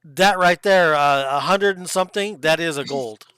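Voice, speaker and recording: A man's voice: a little high, normal speed, pushed and bright, clear, resonant tone, no room sound, clean studio sound. A man running a tabletop game as game master, laid-back and swearing casually.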